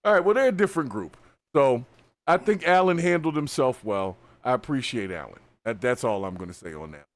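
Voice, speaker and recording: American man, host, lively pitch, laughing, dry close sound. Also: a little fast, no echo. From United States. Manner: laughs often, animated. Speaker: podcast host. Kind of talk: casual panel chat reacting to a video.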